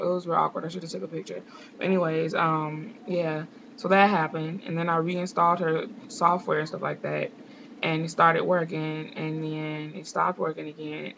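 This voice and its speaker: A woman's voice: sits low, creaky, fairly bright tone, slight background noise, poor audio. A young woman vlogging from home, chatting casually to camera with rambling, sarcastic asides. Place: home indoors.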